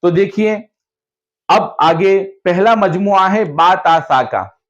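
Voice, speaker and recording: High-voiced man teaching teachers, lo-fi. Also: takes it slowly. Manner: acts out classroom exchanges, asking children questions and answering for them; patient, repetitive, encouraging. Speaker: Islamic scholar training madrasa teachers. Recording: dull lo-fi recording.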